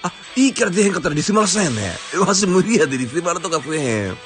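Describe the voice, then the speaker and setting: An excitable man with a broad Kansai accent chatters through his game pulls, his voice leaping wildly from low mutters to high yelps. He exclaims and muses aloud in a loose, casual way. Game music plays clearly underneath. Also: racing. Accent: Kansai Japanese. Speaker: gaming YouTuber.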